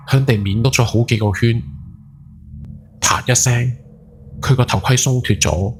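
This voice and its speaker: A man in his forties plays a haunted, guilt-ridden Hong Kong night taxi driver, narrating a ghost story podcast in Cantonese with faint music behind him. His lowish, natural voice sounds shaken and tense as he confesses his guilt in a brooding first-person horror tale, leaning hard on the dramatic words.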